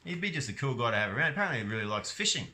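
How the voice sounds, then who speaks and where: A man's voice: mid-range voice, sing-song, very fast, bright, forceful tone, slight background noise. A young Australian man talking casually about rugby league in his own vlog, rambling and hesitant with lots of ums and restarts. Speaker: sports vlogger.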